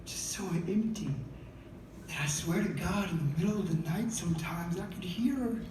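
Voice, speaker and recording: A man's voice: high voice, moderate pace, a little hiss or hum. Male singer, spoken story between songs; raw, profane; roomy distant live sound. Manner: raw, profane, swings from hushed to shouting. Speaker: singer telling his story on stage. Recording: echoey live venue from far off, loud crowd.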